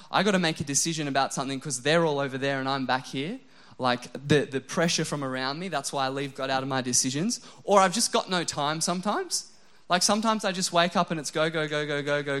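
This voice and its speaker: A man in his younger adult years preaches with an emotional, self-deprecating energy. His voice sits a little high for a man, and he swings between lively bursts and hushed, intimate prayer. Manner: animated, self-deprecating, often drops to a soft low voice for prayers. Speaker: pastor. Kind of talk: sermon.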